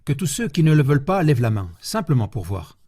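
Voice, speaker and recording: A man giving a public lecture as a historian, speaking in a measured way and putting rhetorical questions to his audience. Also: medium pitch, very animated, mellow, husky.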